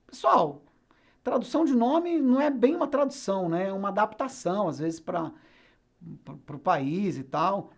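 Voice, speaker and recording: A man with a Brazilian Portuguese accent teaching an English grammar lesson, chatty and lively, repeating words to drill pronunciation. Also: high voice, normal speed, vocal fry. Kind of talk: explanatory classroom lesson.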